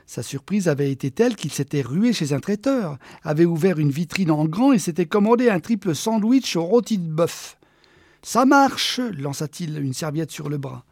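A man with a fairly high voice narrates a short story as an audiobook. The sound is close and dry, and his reading is expressive, easing off for the quiet passages. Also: no room sound. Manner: expressive, slowing for quiet moments.

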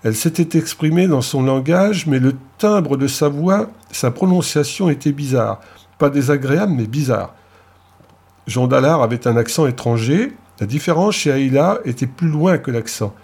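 A man narrating an audiobook in a steady, measured reading. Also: mid-range voice, slightly rough.

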